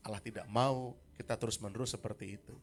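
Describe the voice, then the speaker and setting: A man's voice: lowish voice, fairly even intonation, fast talker. A man preaching a sermon at a church service, talking casually with the congregation and calling on people by name. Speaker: pastor. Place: church service in a hotel hall.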